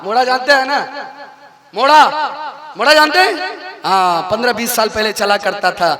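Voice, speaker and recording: A man preaching at a religious gathering, telling a funny story with animated voices and shouted punchlines before giving advice. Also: extremely high pitch, moderate pace, a crowd in the background. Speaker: maulana preacher. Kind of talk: jalsa sermon with comic storytelling. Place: outdoor religious gathering with crowd.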